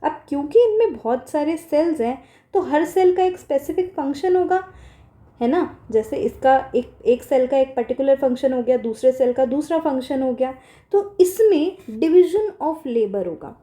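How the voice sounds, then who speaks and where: High-pitched woman teacher, mellow tone. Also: expressive, moderate pace. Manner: mixes Hindi with English terms, repeats key points for students. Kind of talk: online class revision lecture.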